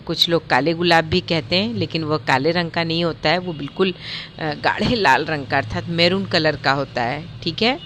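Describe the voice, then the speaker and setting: Woman as primary school teacher, low voice, patient and coaxing, faint hiss behind. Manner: gentle, patient, often asks children questions. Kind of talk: online class lesson for young children.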